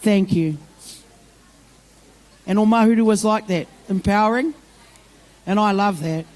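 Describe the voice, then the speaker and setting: A woman's voice: medium pitch, measured pace, darkish tone. A middle-aged woman with a broad New Zealand accent, speaking informally off the cuff to a community gathering in a plain-spoken, motherly way. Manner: plain-spoken, motherly, addresses listeners with endearments. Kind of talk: informal, off-the-cuff public speech mixing English with Māori phrases.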